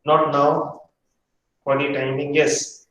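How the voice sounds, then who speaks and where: A man's voice: fairly high pitch, level tone, takes it slowly, fairly bright tone. A man teaching a hotel management practical class, stern and repetitive, pressing students for answers. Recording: echoey room from far off.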